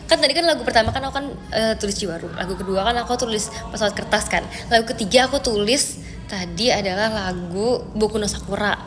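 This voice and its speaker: A woman's voice: mid-range voice, fast talker, big-room sound, over music. A young woman chatting casually on a live stream, answering viewer comments with lots of fillers. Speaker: idol group member streaming live.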